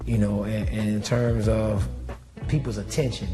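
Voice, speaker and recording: Flat low man over music. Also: unhurried. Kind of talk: casual interview talk.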